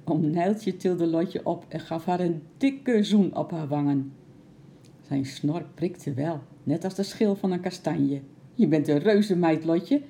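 A woman narrating a children's storybook aloud in a calm, lively way. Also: on the low side, takes it slowly, gravelly, slight background noise.

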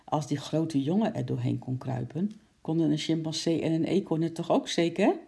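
A narrator reading a children's story aloud in a lively, expressive way, voicing sound effects. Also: medium pitch, moderate pace, creaky, husky.

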